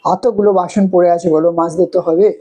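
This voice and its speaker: Mellow-voiced woman vlogger, briskly chiding. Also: on the low side, steady tone, low-quality recording. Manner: brisk, chiding, affectionate with pets. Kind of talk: acted everyday role-play skit.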